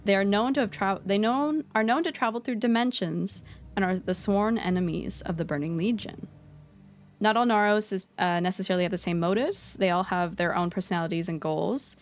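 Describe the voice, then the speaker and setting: A woman's voice: medium pitch, a little fast. A woman streaming an unscripted lesson on game lore, rambling and correcting herself, with playful asides.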